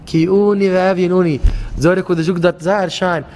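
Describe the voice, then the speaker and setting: A man giving a fervent sermon as a rabbi, telling stories and dropping to a hushed plea when voicing a prayer. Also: steady tone, brisk, big-room sound. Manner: fervent storytelling preacher, voices pleading prayers in a hushed low tone. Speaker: rabbi giving a daily encouragement talk.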